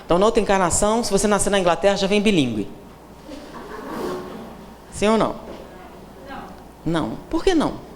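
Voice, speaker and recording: A woman's voice: medium pitch, very animated, brisk, long pauses. A Brazilian woman with a Brazilian Portuguese accent, giving a seminar lecture, teasing the audience with questions and acting out the people she quotes. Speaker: seminar speaker. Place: lecture hall. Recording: reverberant hall, faint room noise.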